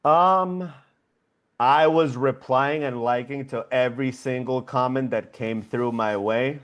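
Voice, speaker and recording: A man's voice: mid-range voice, takes it slowly, fairly bright tone, clean tone. A young man from Venezuela, a founder being interviewed over a video call, talking reflectively with many fillers. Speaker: guest founder. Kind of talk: casual interview.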